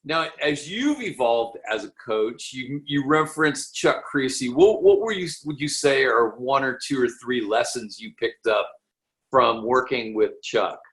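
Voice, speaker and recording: A man's voice: mid-range voice, animated, a little slow, fairly bright tone. A man hosting an interview, asking questions eagerly and often restarting his sentences over a video call. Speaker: podcast host interviewer. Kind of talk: casual interview.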